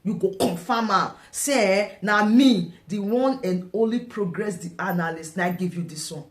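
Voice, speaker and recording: A woman's voice: medium pitch, moderate pace. A Nigerian woman commenting on a vlog, combative and taunting, firing off rhetorical questions. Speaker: online political commentator. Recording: echoey room.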